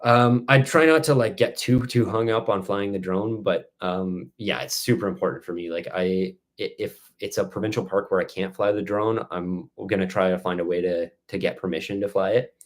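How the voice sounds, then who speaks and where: Low-voiced man rambling through a casual live chat. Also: steady tone, moderate pace, few pauses. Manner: rambling, stop-start explanations. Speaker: outdoor vlogger hosting a live Q&A. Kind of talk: casual live-stream chat, reading out and answering questions.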